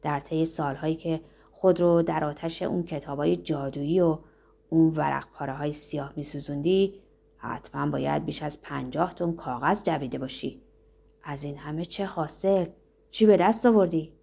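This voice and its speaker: A woman reader voicing Zorba, a passionate, restless grown man who demands answers in a lowered, fervent voice, for an audiobook. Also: animated, a little mellow. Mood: pained.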